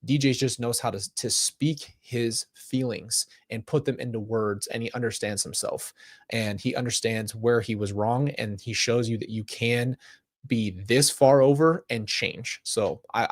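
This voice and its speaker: A man's voice: medium pitch, fairly even intonation, moderate pace, dry recording, clean studio sound. A man hosting a reaction video, giving casual commentary and speaking earnestly to his viewers and chat.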